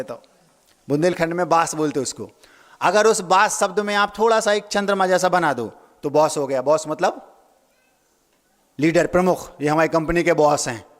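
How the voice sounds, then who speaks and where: A man's voice: high-pitched, in a large hall. A Jain monk giving a sermon, playing with words, repeating key phrases and asking his listeners questions. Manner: asks the audience questions.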